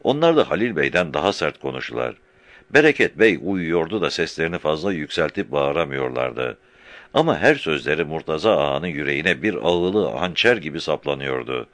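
A man reading a novel aloud as a narrator in measured, unhurried storytelling. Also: rumbling low, sing-song, a bit bright, no echo. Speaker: audiobook narrator. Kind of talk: scripted literary narration.

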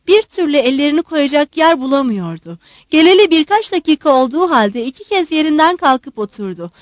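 A woman narrating a literary audiobook in an expressive, measured storytelling manner. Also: high-pitched, dry recording, studio quality.

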